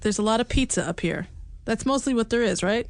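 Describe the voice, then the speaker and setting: A woman's voice: on the high side, expressive, brisk, no room sound. A middle-aged woman co-hosting a casual podcast chat, talkative, laughing often and restarting sentences. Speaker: podcast co-host. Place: home in upstate New York.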